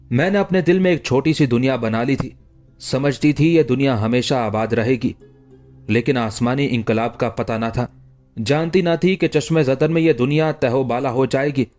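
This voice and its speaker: A man's voice: mid-range voice, darkish tone, natural voice. A man reading the lines of a grieving, tearful young woman in an audiobook story.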